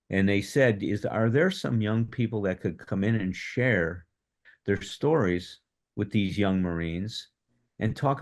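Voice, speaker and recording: Older man telling his story, low voice. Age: 70s. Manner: animated, acts out quoted dialogue. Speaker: workshop speaker on addiction recovery. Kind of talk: personal storytelling.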